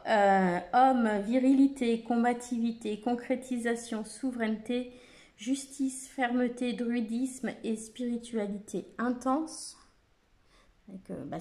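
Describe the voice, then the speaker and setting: A woman's voice: on the high side, darkish tone. Hesitant French woman presenting oracle cards. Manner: reads keyword lists, many hesitations. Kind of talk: casual card deck walkthrough.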